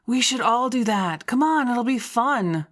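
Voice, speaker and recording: A woman's voice: on the low side, fairly quick, lightly acted. A woman voicing a playful, headstrong small-town friend in an audiobook, bubbly and a little bossy. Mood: excited.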